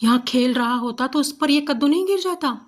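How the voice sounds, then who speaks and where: A woman's voice: high voice, animated, fairly quick, voice pushed up. A woman voicing a fearful, weepy young newlywed wife in a folk tale, telling her worries in an anxious, wailing way. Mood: tearful.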